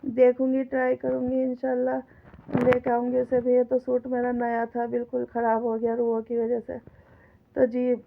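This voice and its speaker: This is a home vlogger, a middle-aged woman nursing a sore throat and cough, casually chatting and complaining to viewers while she cooks. Her slightly high voice is creaky and monotone at a moderate pace. Filmed on a phone in her kitchen, the audio is tinny, with slight background noise.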